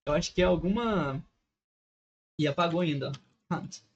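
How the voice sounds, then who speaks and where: A man's voice: a little high, normal speed, dull audio, slight background noise. A man with a Brazilian Portuguese accent, an English teacher explaining a lesson over a screen recording, patient and constantly checking in with short questions.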